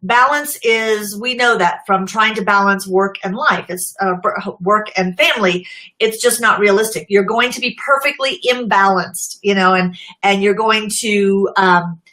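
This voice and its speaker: A woman's voice: medium pitch, pushed and bright, poor audio. A middle-aged woman casually chatting on a live stream, laughing often and greeting viewers by name. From United States. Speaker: social media marketing host.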